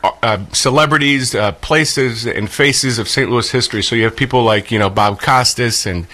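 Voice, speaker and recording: A middle-aged man, a pizzeria owner guest in a casual interview, talking haltingly with many filler sounds. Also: medium pitch, bright, forceful tone.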